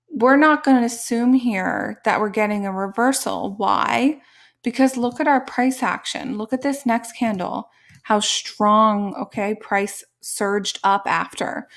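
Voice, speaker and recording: A woman explains things as a casual tutorial host. Her mid-pitched voice sounds slightly congested from a sore throat. She often checks in with the listener using short tags like okay and right. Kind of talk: casual tutorial explanation over live charts.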